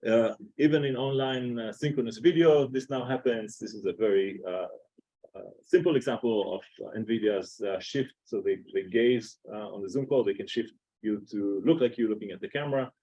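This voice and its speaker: Israeli guy giving a seminar talk, mellow dark voice, keeps saying uh. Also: fairly low pitch, dull audio. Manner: halting, many filler "uh"s. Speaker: seminar speaker. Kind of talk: academic talk. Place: lecture room.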